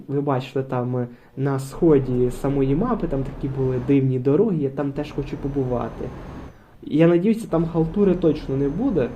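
A man's voice: on the high side, mellow, slight background noise. A man hosting a truck game playthrough, rambling in casual commentary with many fillers. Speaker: gaming channel host. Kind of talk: casual let's-play commentary.

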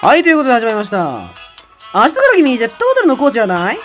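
A woman streaming a game in casual commentary, loud and laughing a lot, with rough boyish talk. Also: on the high side, wildly swooping pitch, very fast, faint music behind.

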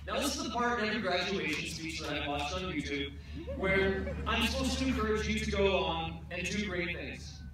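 A man's voice: high-pitched, expressive, normal speed. Young man speaking at a graduation. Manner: earnest, self-deprecating jokes. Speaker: commencement speaker. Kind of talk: graduation speech. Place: outdoor tent stage. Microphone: podium mic, filmed from far off. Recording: echoey PA sound from far off, noisy.

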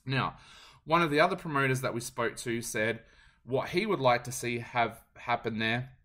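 A man's voice: mid-range voice, animated, moderate pace, bright, forceful tone. A man with an Australian accent hosting a podcast, giving solo commentary in a loose, conversational way and passing on what promoters told him. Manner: conversational, frequent ums, relays what others told him. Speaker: podcast host.

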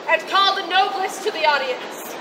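A woman playing a commanding, solemn royal soldier in outdoor Shakespeare, formal and declamatory. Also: very high-pitched. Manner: declamatory, formal, drawn-out phrases. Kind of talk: outdoor Shakespeare stage acting. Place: open-air plaza stage at night. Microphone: far camera. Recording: noisy outdoor stage, distant camera.

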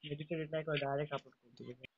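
A man's voice: a little high, steady tone, very fast, lo-fi sound, noisy background. A man giving urgent, repeated callouts to his squad while playing a mobile battle royale game.

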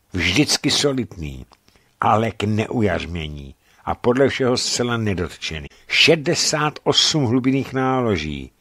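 A man reading a novel aloud in a measured, steady manner for radio. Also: lowish voice, no echo, clean studio sound. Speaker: radio reader. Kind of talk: scripted narration of a novel. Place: radio studio.

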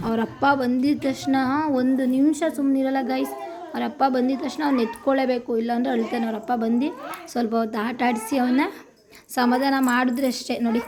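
A woman from Karnataka casually narrating a cooking vlog in her home kitchen, chatty and homely, repeating her phrases. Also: a little high. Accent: Kannada, Karnataka. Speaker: vlogger.

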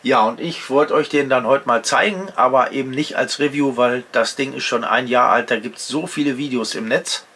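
At a workbench in his home workshop, a man in his fifties hosts a casual outdoor gear vlog, chatting to viewers and explaining each step as he demonstrates it. His mid-range voice is pushed and bright, at a moderate pace with hardly any pauses, over slight background noise.

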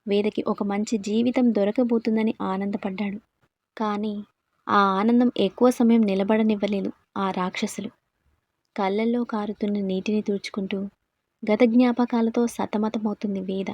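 A woman narrating a dramatic audio story in a steady, dramatic storytelling manner. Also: mid-range voice, moderate pace, no echo, dull audio. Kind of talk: scripted narration.

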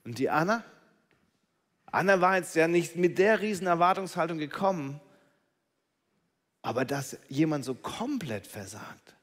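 A man delivers a sermon with a slightly raised pitch. His delivery is dramatic, jumping from loud calls down to hushed, breathy whispers. His voice rings out with a long reverb tail, as if in a large hall. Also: expressive, a little slow, pauses often. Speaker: pastor.

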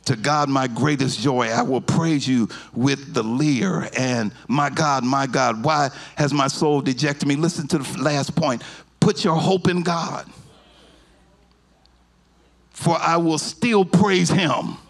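In a church sanctuary, a middle-aged pastor with a gravelly voice delivers a sermon into a handheld microphone. His preaching moves from slow, low instruction up to half-sung, shouted peaks.

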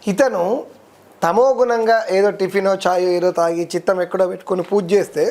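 A man, a devotional guest explaining worship rules in a steady, teacherly way, listing terms one by one. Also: high-pitched, normal speed. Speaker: devotional guest speaker on ritual. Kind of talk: explanatory interview talk.

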